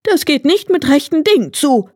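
A woman's voice: high-pitched, very animated, moderate pace, warm tone, no echo, clean studio sound, voice pushed up. A woman voicing a vain, hot-headed male hare in a fairy tale, sounding haughty and agitated.

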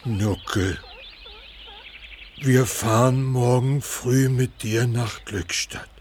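A man's voice: medium pitch, very slow, slight background noise. An actor playing a kind, caring male friend of the animals in a children's audio drama, speaking earnestly. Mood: gentle. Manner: earnest, gentle.

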